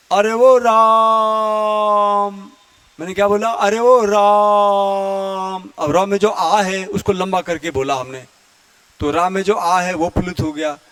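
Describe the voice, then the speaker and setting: Male Hindi grammar teacher, high and unhurried, dry close sound, clears his throat often, chants vowels as examples. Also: no room sound. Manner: explains slowly, chants vowels and Sanskrit verse to demonstrate. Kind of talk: classroom lecture.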